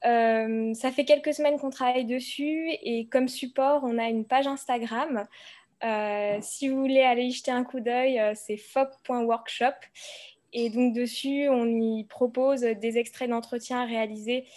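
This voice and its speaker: A woman's voice: fairly high pitch, steady tone, unhurried, a little mellow. Young woman student presenting a project. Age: young adult. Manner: friendly, many fillers. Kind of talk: informal presentation.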